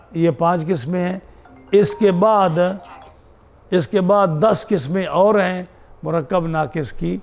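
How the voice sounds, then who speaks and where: Man, teacher, gravelly voice, fairly high pitch, repeats terms, checks with students. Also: a little mellow. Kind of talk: classroom lesson on Arabic grammar.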